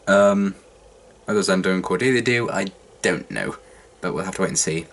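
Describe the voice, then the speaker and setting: Husky young man, rough and hungover-sounding with a cold. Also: low voice, lively intonation, moderate pace, a bit bright. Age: young adult. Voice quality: husky, congested. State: ill with a cold, sore throat and cough, sounding rough and worn out. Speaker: reaction vlogger. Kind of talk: casual chat to viewers.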